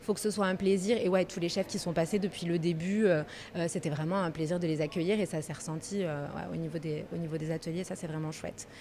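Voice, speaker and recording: There's a little hiss or hum as a woman with a fairly low, warm, steady voice talks quickly, with hardly any pauses. She's in her thirties, from Marseille, France, and manages a pastry workshop; in this casual interview she comes across as easygoing and a touch hesitant, thinking aloud.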